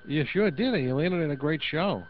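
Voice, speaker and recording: A man's voice: fairly high pitch, expressive, moderate pace. A man hosting a casual radio interview, friendly and joking, asking short questions. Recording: dull lo-fi radio audio with faint hiss.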